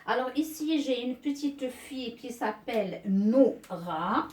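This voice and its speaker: A woman's voice: a little high, expressive, slow pace, a little mellow, recorded from a distance. A woman teacher giving a beginners' reading lesson, patiently repeating words and syllables one by one. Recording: echoey room, voice off-mic.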